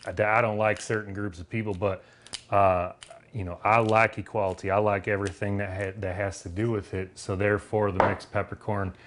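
A man's voice: lowish voice, level tone, brisk, fairly bright tone. A man with a Southern accent casually demonstrating a recipe in his kitchen, talking in a folksy, rambling way with loose grammar and plenty of filler words. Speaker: home cook demonstrating a recipe.

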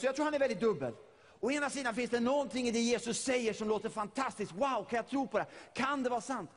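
A man's voice: very high-pitched, big-room sound. A middle-aged man from Sweden preaching a sermon, retelling a story vividly and often repeating his words.

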